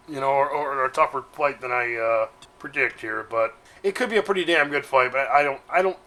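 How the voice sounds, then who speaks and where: A man giving casual fight predictions in a rambling, halting way, often restarting and tossing in "man" and swearing. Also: medium pitch, sharp tone. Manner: loose and profane. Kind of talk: casual chat.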